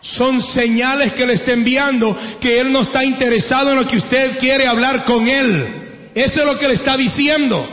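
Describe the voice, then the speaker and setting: High-voiced man preaching in an echoey church. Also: normal speed. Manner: emphatic, sometimes shouting, with humorous asides to the congregation. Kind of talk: sermon. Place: church hall. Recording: echoey hall, somewhat muffled.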